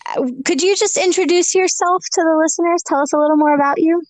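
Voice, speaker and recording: A woman's voice: very high voice, steady tone, quick pace, a little mellow, dry recording. A woman hosting an interview, introducing and questioning a guest in a polite, conversational way. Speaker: interview host.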